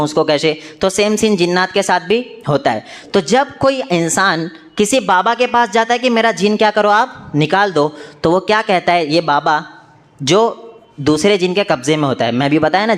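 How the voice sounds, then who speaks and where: High-voiced man telling a religious story. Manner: storytelling, acts out quoted voices. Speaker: religious speaker. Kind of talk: Islamic talk.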